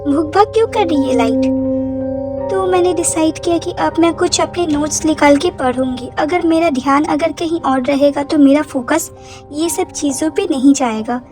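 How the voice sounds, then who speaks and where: A woman's voice: high-pitched, normal speed. A young woman narrating a first-person cartoon horror story, jumpy and full of exclamations. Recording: loud background music.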